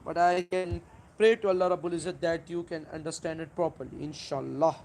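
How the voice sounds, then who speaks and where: Halting Pakistani-accented live streamer, emphatic in bursts. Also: medium pitch, steady tone, darkish tone, slight background noise. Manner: halting, repetitive, with searching pauses and emphatic bursts. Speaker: live stream host replying to a viewer. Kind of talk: unscripted religious argument to viewers.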